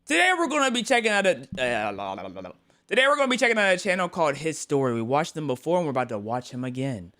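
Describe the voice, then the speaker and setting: Fast-talking and sing-song, this young streamer's high-leaning voice is bright and forceful. Tired and up late, he rambles and jokes with his chat, often repeating and restarting what he says.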